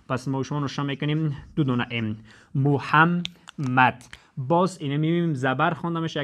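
A man's voice: on the high side, darkish tone. A man teaching a lesson, explaining step by step and repeating each point. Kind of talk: classroom lesson.

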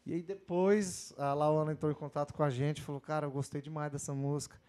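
A man's voice: a little high, fairly even intonation, a little fast, darkish tone. A man, a singer, chatting casually as a guest and telling anecdotes. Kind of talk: casual chat.

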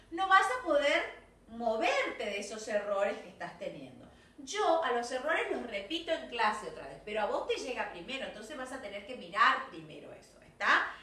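A woman's voice: a little high, pushed and bright, echoey room, recorded from a distance. An Argentine woman teaching English to young children, giving class feedback and mixing Spanish and English, checking in with "¿sí?" and "¿ok?" after nearly every point. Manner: switches between Spanish and English, coaxing with constant "¿sí?" and "¿ok?".

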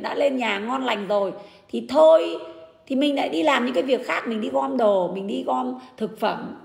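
Fast, gravelly indignant woman ranting. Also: sits high, echoey room. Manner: indignant, argumentative, addresses critics bluntly. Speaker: livestreamer defending her husband. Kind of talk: livestream rant.

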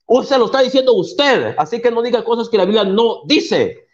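A man's voice: very high-pitched, expressive, moderate pace. A man in a heated online debate, combative and preachy, quoting scripture at his opponent. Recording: dull lo-fi call audio.

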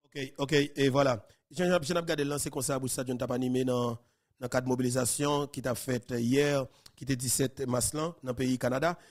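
A man hosting a live news program, commenting excitably and emphatically, with frequent repetition. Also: medium pitch, a little fast, a little hiss or hum. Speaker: news host.

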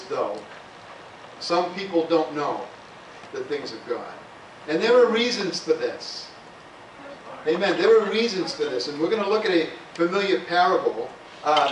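A man preaching in a church with a slightly high voice and a loose, conversational delivery, often punctuated with "amen" and "hallelujah." The sound is picked up from a distance in a roomy sanctuary, with a faint hiss underneath. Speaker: pastor. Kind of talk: sermon. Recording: echoey church room, voice from far off, faint hiss.

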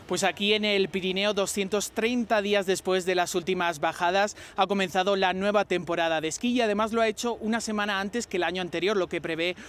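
A man in his forties reporting live with a handheld mic outdoors at a snowy ski resort, in a steady reporting tone. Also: sits high, brisk, few pauses, a little hiss or hum. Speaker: field reporter.

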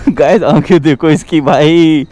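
A man's voice: a little high, slow pace, a little mellow, no echo. A man vlogging casually outdoors in a park, teasing and laughing often. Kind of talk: casual vlog chat. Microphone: action camera.

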